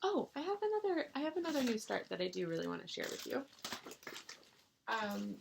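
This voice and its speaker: A woman chatting casually to her viewers about her stitching, gushing with excitable bursts and rambling restarts. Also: sits high, brisk, creaky, background noise. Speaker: cross-stitch vlogger.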